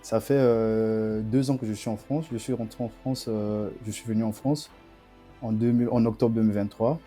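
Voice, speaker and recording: Young congolese guy, student guest, super mellow dark voice, keeps restarting his sentences. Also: fairly low pitch, fairly even intonation, soft background music. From Republic of the Congo. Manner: halting, repeats words and restarts often. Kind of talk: podcast interview, personal story.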